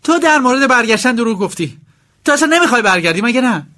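A man's voice: sits high, sing-song, pitched above the performer's own voice. A man voicing an irritable, whiny rich young wife in a storybook reading, complaining and nagging. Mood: accusing.

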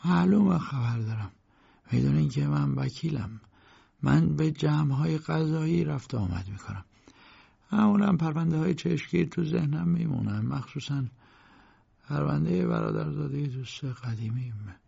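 A man's voice: a little high, vocal fry, husky, voice pushed up, exaggerated voice. Man doing a frail old sickly lawyer. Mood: weary. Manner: slow, weak, soft-spoken. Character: frail old bedridden lawyer, sly and smooth. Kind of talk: audiobook character voice. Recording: dull lo-fi recording.

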